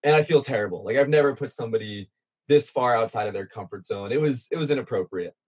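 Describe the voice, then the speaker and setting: A man's voice: medium pitch, fast, slightly rough. A man casually telling an adventure story as a guest, chatty and self-deprecating, with plenty of fillers. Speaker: guest content creator.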